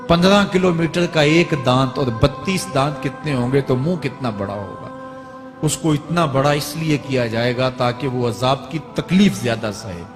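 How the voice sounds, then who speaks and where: Fervent preacher in a reverberant hall. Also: male voice. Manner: dramatic, rising to fervent cries and dropping to low tones. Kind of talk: Islamic sermon. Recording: long hall reverb with faint music.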